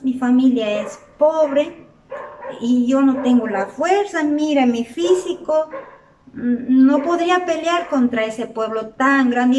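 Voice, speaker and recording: A woman voicing a poor, timid young man who doubts himself and pleads with a halting, stammering manner, in a story for children. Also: fairly high pitch, warm tone, recorded from a distance, slight background noise, close to an everyday voice. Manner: hesitant, pleading, stammers a little. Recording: roomy echo, from off the mic.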